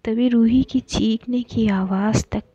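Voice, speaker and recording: A woman tells a romance story in a soft, half-whispered voice that is breathy and mellow, stumbling into restarts now and then. The recording is dull and muffled, and dry with no room sound. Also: on the high side, steady tone, measured pace, no room sound.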